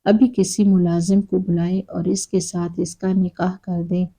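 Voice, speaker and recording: A woman's voice: on the low side, flat delivery, mellow. A woman voicing a stern, angry middle-aged uncle in a spoken story, with a harsh, accusing manner.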